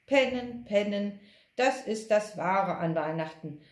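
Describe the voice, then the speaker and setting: A woman's voice: medium pitch, animated, takes it slowly, echoey room, pitched above the performer's own voice. A woman voicing a lazy badger who talks contentedly about sleeping in. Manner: drowsy, contented.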